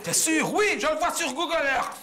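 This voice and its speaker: Brief: male comedian as a middle-aged Belgian housewife, gossipy and indignant, high voice, live stage mic with hiss. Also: moderate pace, a loud crowd. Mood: chatty. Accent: Belgian French. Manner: chatty, indignant, breathless storytelling. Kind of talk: stand-up character monologue. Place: theatre stage before live audience.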